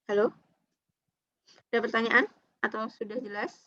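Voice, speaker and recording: A woman's voice: a little high, steady tone, normal speed, a bit bright, no echo. A woman lecturer giving an online accounting class, patient, walking through each step and checking if students understand. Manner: patient, explains step by step, tags lines with "ya" and "gitu". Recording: dull lo-fi online call audio.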